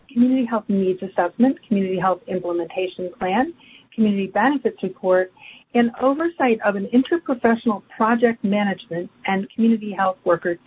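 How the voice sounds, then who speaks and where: A woman moderating a webinar, reading formal, measured speaker introductions. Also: mid-range voice. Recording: tinny phone line with faint noise.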